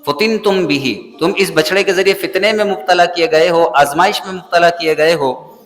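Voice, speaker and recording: In a mosque, a man from Pakistan leads a Quran class as a scholar, singing the verses in a melodic chant and then plainly translating and explaining them. His voice is high-pitched and fairly bright, heard with a long hall reverb and faint background music.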